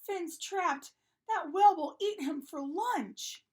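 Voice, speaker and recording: A woman's voice: high-pitched, sing-song, unhurried, voice pushed up. A woman voicing Rita, a sensible young female remora fish, in a fussy, worried storybook voice. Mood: anxious.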